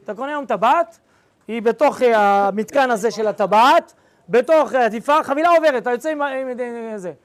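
This is a young rabbi, male and very high-voiced, narrating an episode for his students in class. His manner is slangy and full of life.

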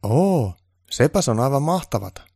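A man's voice: a little high, very animated, a little mellow, no echo, clean studio sound, pitched above the performer's own voice. A man voicing an eager, fawning male supervisor who speaks politely and keenly.

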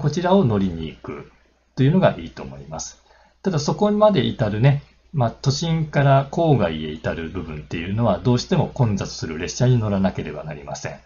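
A deep-voiced man talks through travel tips in a relaxed, chatty way, and his pitch rises and falls a lot. He pads his talk with fillers and friendly asides. The recording is slightly muffled, with faint ambience behind him. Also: a little hiss or hum. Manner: chatty, many fillers and tag particles. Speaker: railway travel channel host. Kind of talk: casual explanatory talk.

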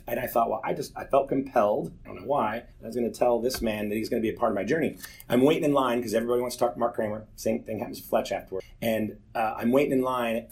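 This low-quality recording captures a medium-pitched man in his forties. Earnest and frank, he delivers a personal testimony to a church group, telling stories laced with self-deprecating humor.

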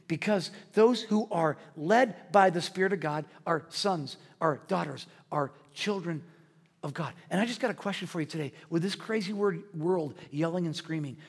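A man preaching a sermon as pastor, swinging between loud, riled-up delivery and hushed, quiet asides. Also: fairly high pitch, husky. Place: church sanctuary. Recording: long hall reverb.

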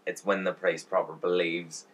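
A man with a very low, deep voice co-hosts a casual podcast. He swears freely and tells stories with animated emphasis, filling the gaps with "like" and "mate". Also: moderate pace. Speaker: podcast co-host. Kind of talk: casual chat.

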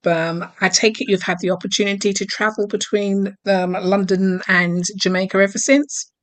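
A woman hosting an interview podcast, speaking in a measured, formal manner. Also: medium pitch, little pitch movement. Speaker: podcast host.

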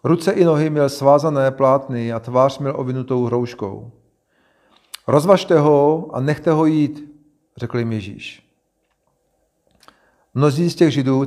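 Male preacher, expressive Bible reading, plain mid-pitched voice.

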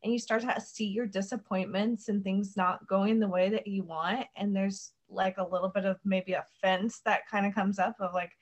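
In casual podcast conversation, a young woman from the United States discusses her faith, chatty and sprinkled with "um" and "like." Her medium-pitched voice keeps fairly even intonation at a normal speed, with hardly any pauses.

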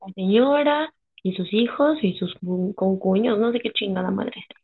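A woman's voice: medium pitch, normal speed, gravelly, breathy edge. Slangy Mexican woman, tinny phone sound. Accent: Mexican Spanish. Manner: slangy, swearing, animated storytelling. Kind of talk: casual chat.

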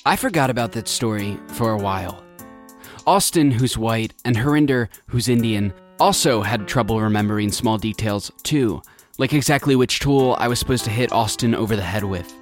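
A man in his twenties narrating a scripted documentary story in a measured, reflective way. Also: on the low side, soft background music. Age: 20s. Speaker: narrator and reporter.

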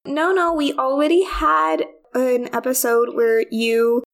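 Woman podcast co-host, high voice, unhurried, deliberate teasing banter. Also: vocal fry. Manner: deliberate, mock-indignant teasing. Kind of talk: casual chat.

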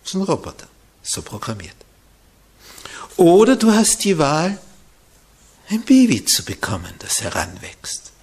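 A man preaching a sermon who turns dramatic, swinging from loud emphatic lines to hushed whispers. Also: on the high side, huge pitch swings, unhurried, long pauses, husky.

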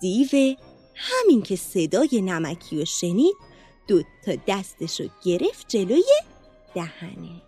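A woman narrating a children's storybook in a lively, expressive read-aloud manner. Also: on the low side, breathy edge, soft background music.

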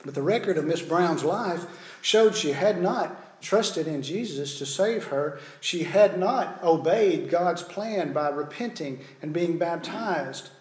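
Preacher guy telling a judgment day story, kinda higher voice, echoey church sound. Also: expressive, slow pace, a little mellow. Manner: storytelling, citing scripture. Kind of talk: sermon. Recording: roomy echo.

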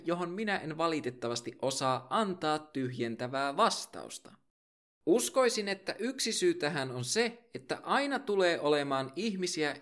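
A man hosting a podcast, delivering a scripted monologue in an animated, emphatic way with playful asides. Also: on the high side. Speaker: podcast host.

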